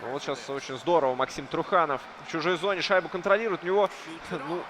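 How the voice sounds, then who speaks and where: Over crowd noise, a man with a fairly high, quick voice calls live play-by-play for an esports hockey match, often hesitating between phrases.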